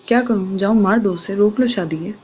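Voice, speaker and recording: A young heroine, read by a woman narrator, defiant and exasperated. Her voice is soft and mellow at a middle pitch. The recording is dull and lo-fi with faint hiss. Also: natural voice.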